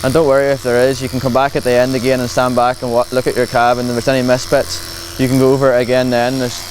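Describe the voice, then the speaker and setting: A Northern Irish man demonstrates livestock clipping, commentating with a plain, practical, reassuring explanation in his Northern Irish accent. His mid-range voice is monotone and fast. The rough recording has clear buzzing from clippers and machinery.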